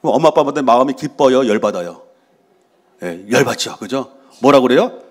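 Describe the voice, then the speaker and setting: A man's voice: mid-range voice, expressive, a little fast. A middle-aged man, preaching a sermon to his congregation as pastor in a conversational way, asking questions and answering them himself. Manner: acts out voices of quarreling people. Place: church sanctuary.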